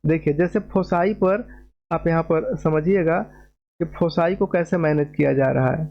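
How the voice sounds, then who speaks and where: High-voiced man teaching maths, lo-fi. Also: normal speed, vocal fry. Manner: patient, repeats key terms and checks understanding. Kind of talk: explaining at a board in a lecture.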